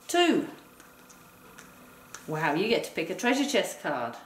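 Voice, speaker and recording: Her voice is fairly low, very animated, and slow as she coaches a partner through a board game like a teacher, going step by step and counting out loud. They're indoors with the game on a table, and the audio is roomy and noisy from a distant mic.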